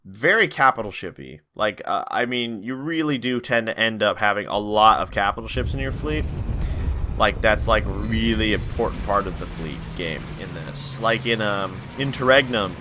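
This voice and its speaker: A man's voice: lowish voice, expressive, normal speed, bright, forceful tone, slight background noise. A tired man giving casual, rambling commentary over a strategy game, acting out his own reactions. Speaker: gaming YouTuber.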